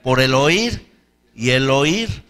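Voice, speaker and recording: A man's voice: mid-range voice, animated, very slow, fairly bright tone, long reverb tail. A male pastor preaching a sermon with fervor. He repeats key phrases and leads the congregation in prayer.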